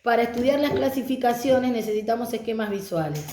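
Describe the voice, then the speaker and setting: Lively woman teacher, echoey room. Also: fairly high pitch, fairly quick, slight background noise. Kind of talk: online lecture on reading pedagogy.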